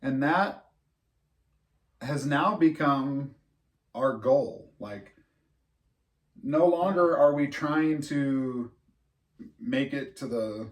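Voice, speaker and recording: A man's voice: mid-range voice, drawn-out words, long pauses, recorded from a distance. A man co-hosting a podcast in casual chat, rambling and laughing at his own jokes. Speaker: podcast co-host.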